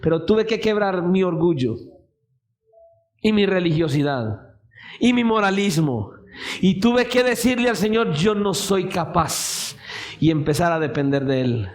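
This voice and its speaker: A male preacher with a high-pitched voice delivers a sermon in a church. He speaks with fervor, and his voice climbs into shouted appeals. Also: lively intonation, a little slow. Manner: impassioned, rising to shouted pleas.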